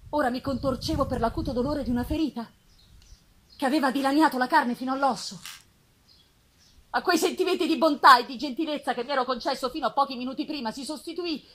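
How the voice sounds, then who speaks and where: A woman giving a theatrical, intense literary reading as a lonely, embittered male monster, with deliberate pauses and swells. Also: sits high, a bit bright. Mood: bitter rage. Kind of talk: dramatic literary reading of a gothic novel. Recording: live festival reading with clear noise.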